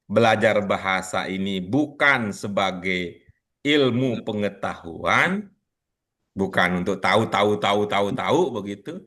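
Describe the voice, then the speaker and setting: A man's voice: lowish voice, expressive, a little slow, sharp tone. A man teaching an online class in a casual, chatty way, teasing his students and laughing often. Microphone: video call.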